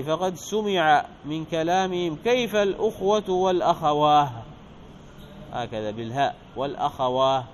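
A male teacher reading a grammar text aloud and explaining it, asking the class questions and slowing down to stress example words. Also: fairly high pitch, a little hiss or hum.

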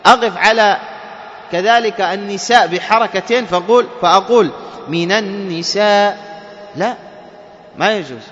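A man's voice: high-pitched, moderate pace, pauses often, a bit bright. A man teaching a lesson, asking his class questions, answering them himself and chanting example words. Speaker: Quran recitation teacher. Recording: muffled, reverberant hall.

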